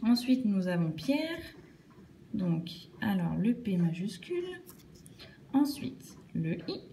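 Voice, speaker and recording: A woman teaching children cursive handwriting, explaining each stroke slowly and patiently, step by step. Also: medium pitch, very animated, mellow, slight background noise.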